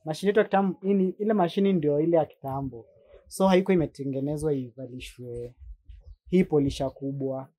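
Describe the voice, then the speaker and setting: A machine seller who also makes content talks fast in a fairly high, warm voice with a Kenyan accent. It's a relaxed chat and product demo full of slang and switches between languages.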